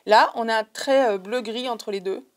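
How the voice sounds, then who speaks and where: Woman, French accent, somewhat high voice, chatty, digressive, casual craft haul vlog. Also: moderate pace. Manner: chatty, digressive, addressing viewers directly. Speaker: craft vlogger.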